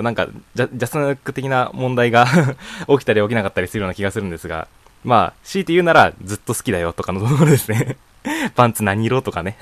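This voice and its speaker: On a dry recording from a room at home, a young man of student age speaks in a medium-pitched voice while hosting his own internet radio show. Talking alone, he rambles loosely through a voice questionnaire, chuckling often and scattering casual fillers throughout.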